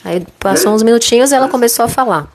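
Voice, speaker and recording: A woman's voice: on the high side, fast talker, slight background noise. A woman interpreting a sermon live, retelling each part fluently and plainly.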